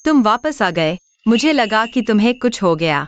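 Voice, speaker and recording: A woman dubbing a caring young woman in a drama, with a soft, concerned manner. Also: on the high side, sing-song, moderate pace, no echo, muffled recording. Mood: tender. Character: gentle, caring young woman, the hero's fiancée. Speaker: dubbing actor. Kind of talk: dubbed drama acting.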